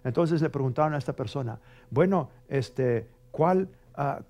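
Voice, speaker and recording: A man's voice: medium pitch, animated, a little slow, highs cut off. A man preaching a television sermon as a pastor, emphatic and conversational, often checking in with his listeners and acting out prayer styles. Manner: emphatic, conversational, with frequent rhetorical tags; mimics dramatic prayer voices loudly for effect.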